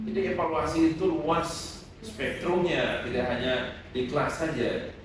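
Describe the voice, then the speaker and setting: A middle-aged man, a guest lecturer, giving calm advice to students in a podcast interview, with many hesitant fillers. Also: mid-range voice. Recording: echoey room, far from the mic, noisy.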